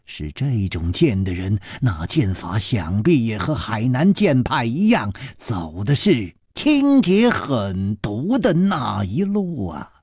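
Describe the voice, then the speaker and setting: A man's voice: mid-range voice, sing-song, slow pace, few pauses, darkish tone, slightly rough, no echo, clean studio sound, pitched below the performer's own voice, heavily acted. A man voicing an earnest young male swordsman who frets and draws out his words with sighs. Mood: worried.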